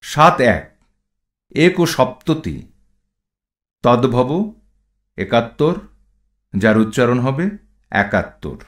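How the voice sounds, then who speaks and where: Male pronunciation instructor, mid-pitched, deliberate and very slow, reciting rules and example words. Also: expressive. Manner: measured, reads rules and word lists one item at a time. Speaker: pronunciation teacher.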